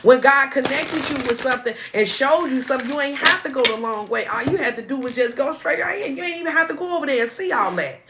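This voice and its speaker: A woman's voice: sits high, fast talker, few pauses, very noisy. A woman hosting a livestream, giving a spiritual motivational talk in a preachy, repetitive, casual storytelling manner. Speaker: livestream host.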